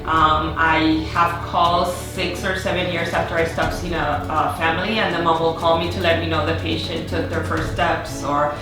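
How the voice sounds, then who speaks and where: A middle-aged woman speaks with a fairly low voice, upbeat and full of ums. She sounds distant in a very echoey room. Music plays behind her. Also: little pitch movement, normal speed, few pauses. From Puerto Rico. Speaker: therapist and co-owner. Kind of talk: casual interview answers.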